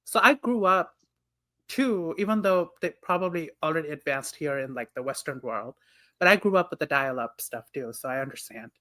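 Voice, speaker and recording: Raised in Nepal, this man appears as a podcast guest, teasing and laughing often in a casual chat. His voice sits a little high, bright and forceful, animated, at an ordinary pace, with giggly bursts of laughter throughout.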